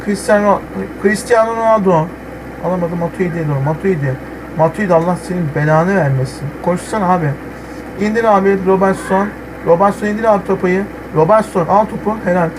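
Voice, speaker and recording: A young man playing a football video game, commenting live and swinging from muttering to yelling at the players. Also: high-pitched, fairly quick, noisy background. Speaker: gamer.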